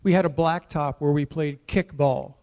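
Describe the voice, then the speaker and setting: Male pastor preaching a sermon, slightly high voice, swings from soft asides to loud proclamations, talks directly to the congregation. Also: steady tone, moderate pace. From United States. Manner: tells personal stories and asks the congregation questions.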